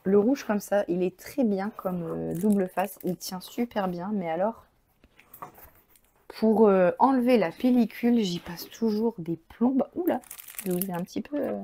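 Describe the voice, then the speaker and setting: Chatty French-speaking woman, mellow voice. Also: medium pitch, a little slow, a little hiss or hum. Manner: chatty, enthusiastic, thinks aloud with many fillers. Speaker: crafting channel host. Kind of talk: casual unboxing chat.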